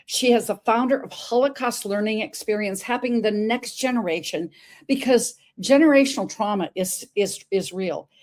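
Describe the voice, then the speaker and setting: A woman's voice: mid-range voice, moderate pace, darkish tone. A woman hosting an interview show, enthusiastic and often repeating words as she introduces and questions her guest. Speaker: host.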